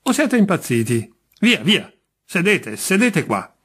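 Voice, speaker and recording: A man with a husky voice voicing a patient, wearily kind judge who coaxes and reasons in an audiobook reading. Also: sits high, big pitch swings, a little slow, a bit bright, voice pushed up, heavily acted. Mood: coaxing. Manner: coaxing, reasonable, mildly exasperated.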